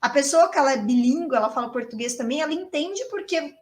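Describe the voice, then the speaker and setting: A woman's voice: high-pitched, animated, fast, a little mellow. A Brazilian woman teaching English in a chatty, emphatic video lesson, repeating key words for stress.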